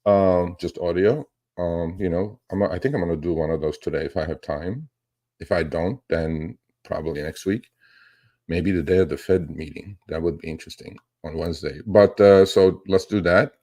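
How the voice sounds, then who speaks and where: Speaking at a moderate pace with a warm tone, this deep-voiced man runs a casual livestream off the cuff. He rambles yet hits his points hard, trader-style, and often checks in with "okay?" or "right?"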